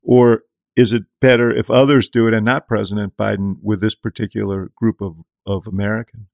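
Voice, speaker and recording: An older man hosts a political podcast with a gravelly, creaky voice. His sound is dry and close, and he speaks in an easy, conversational way as he reads out listener mail. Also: fairly low pitch, flat delivery, a little fast, a little mellow, no room sound. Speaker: podcast host. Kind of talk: casual political chat.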